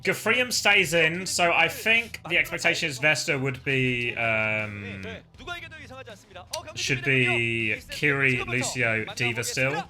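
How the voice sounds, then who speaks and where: A man's voice: medium pitch, slow, over music. A man in his thirties co-streaming an esports match, rambling and correcting himself as he talks to chat. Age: 30s. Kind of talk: casual livestream commentary.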